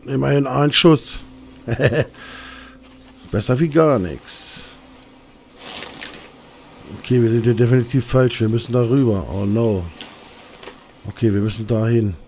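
A man's voice: medium pitch, a little slow, pauses often, a little mellow, a little hiss or hum. Casual man commenting on gameplay. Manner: casual, muttering to himself, cursing. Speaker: let's play streamer.

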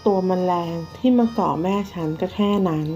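A young woman voicing a spoiled, sulky daughter who talks back sharply at a higher pitch, with faint music behind. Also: fairly quick, natural voice. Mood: resentful. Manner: sharp, resentful, raised pitch. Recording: slightly dull, faint music.

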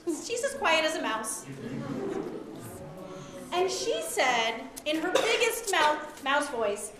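A very high-pitched woman narrates a children's tale on a stage, coaxing young performers to echo her lines. The hall rings with echo, and a loud audience and heavy noise sit behind her. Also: slow pace, crowd noise. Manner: animated, prompting children to repeat lines. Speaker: storyteller leading children in a show. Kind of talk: read-aloud children's story performance.

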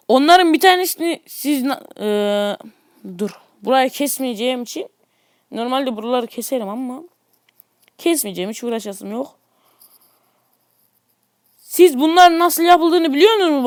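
Male gaming YouTuber, high voice, dry close sound; loose, excitable play-by-play with grumbling asides. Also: clean tone, no room sound. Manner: excitable, grumbling at the game, chatty asides to viewers. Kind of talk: casual mobile gameplay commentary.

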